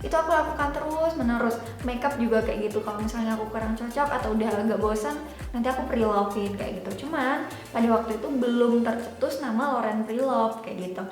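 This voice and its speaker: This YouTube vlogger, a woman in her twenties from Java, Indonesia, talks in an informal, chatty way and explains as she goes. She speaks a little fast in a voice on the high side, recorded in an echoey room with music playing in the background.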